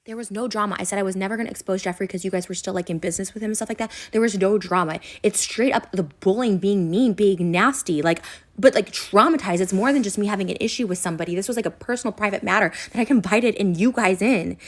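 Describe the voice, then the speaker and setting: A woman in her thirties delivers an emotional vlog rant straight to camera. She sounds hurt and indignant. She repeats phrases for emphasis and stumbles through quick restarts. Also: mid-range voice. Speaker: YouTuber.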